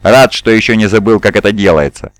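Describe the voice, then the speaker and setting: A man voicing a calm, proud and sinister male surgeon who speaks with cold courtesy. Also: fairly low pitch, brisk, dry recording, lightly acted. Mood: coldly polite. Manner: smooth, courteous, coldly pleased.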